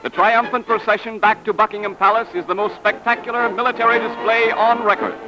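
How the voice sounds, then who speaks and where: A man's voice: high voice, flat delivery, brisk, muffled recording. A man narrating an old newsreel in a grand, declamatory manner. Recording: old newsreel soundtrack with loud music.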